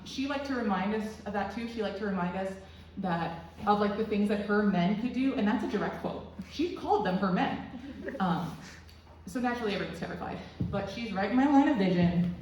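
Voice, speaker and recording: A woman's voice: mid-range voice, darkish tone. A woman in her twenties doing rambling, crude, self-deprecating stand-up storytelling in a small club room. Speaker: stand-up comedian. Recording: very echoey room, distant mic, faint noise.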